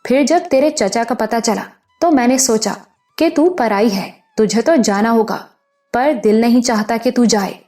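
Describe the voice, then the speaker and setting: Female narrator doing older motherly village woman, scolding but loving, mellow tone, soft music behind. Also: fairly high pitch, lightly acted. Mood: tender. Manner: scolding yet affectionate, rustic speech. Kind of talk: audiobook character voice.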